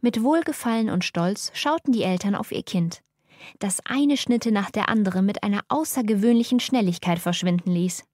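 A woman's voice: mid-range voice, normal speed, a little mellow, dry recording, studio quality. Woman narrating a mock-solemn story.

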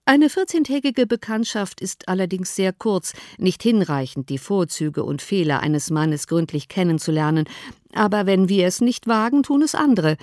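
A woman reading an audiobook, voicing a dry, ironic middle-aged father who teases in a measured way. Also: medium pitch, expressive, darkish tone, no room sound, close to an everyday voice. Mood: wry. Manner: measured, wry teasing. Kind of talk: audiobook character voice.

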